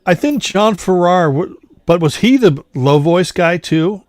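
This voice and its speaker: Guy hosting a laid back chat, kinda high voice, dry close mic, talks fast and eager. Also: animated, a little mellow, dry recording. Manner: quick, enthusiastic music-fan talk. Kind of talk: casual chat.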